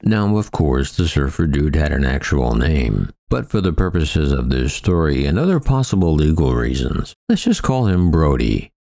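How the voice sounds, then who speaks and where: Deep gravelly male storyteller. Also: sing-song, normal speed, few pauses, darkish tone, dry recording, studio quality. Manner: wry, vivid storytelling with big swings in pitch. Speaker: storyteller recounting his first flying lesson. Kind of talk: scripted first-person narration.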